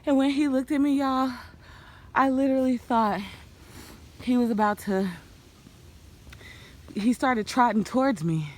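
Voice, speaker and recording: A woman's voice: sits high, unhurried, long pauses. A woman chatting casually to her vlog, out of breath while out running and walking on a trail. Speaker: vlogger and runner. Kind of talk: casual outdoor vlog chat. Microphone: handheld phone. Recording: noisy outdoor phone recording.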